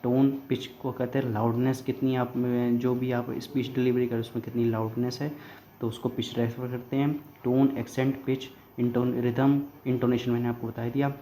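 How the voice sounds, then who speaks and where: A young man giving a casual revision lecture for an exam, mixing Hindi and English and reading his notes haltingly. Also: mid-range voice, level tone, dark tone, slight background noise. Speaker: exam-prep tutor.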